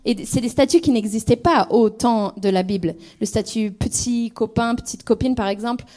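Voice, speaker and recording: A woman's voice: a little high, normal speed, dark tone. Thoughtful woman with an English accent. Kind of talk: conversational teaching talk.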